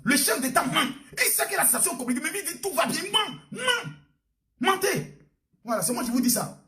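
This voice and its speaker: A man preaching a comic sermon, theatrical and loud, shouting refrains. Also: very high-pitched, big pitch swings, a little fast. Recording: roomy, distant mic.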